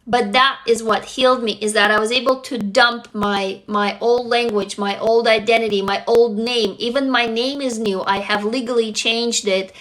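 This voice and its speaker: Her voice is a little high and a bit bright, holding a steady tone at a moderate pace with hardly any pauses. She's a young Russian woman whose first language is Russian, hosting a livestream, reading out viewer comments and talking bluntly and earnestly, swearing as she goes.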